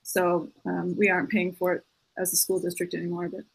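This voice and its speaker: A woman's voice: lowish voice, completely flat delivery, fairly quick, gravelly, slightly rough, rough recording. A woman teacher in a casual online discussion, speaking in a matter-of-fact way. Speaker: teacher in a book club chat.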